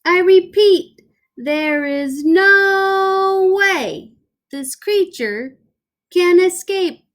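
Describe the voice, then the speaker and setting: A woman voicing a greedy male mouse scientist, squeaking and announcing in a loud, drawn-out way as she reads a storybook aloud. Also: full character voice. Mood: grand announcing. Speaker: teacher reading aloud.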